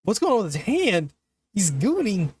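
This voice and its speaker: A man's voice: high-pitched, huge pitch swings, moderate pace, a little mellow. A man as a flustered young lawyer, noisy track. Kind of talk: parody fan dub. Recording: noisy home recording.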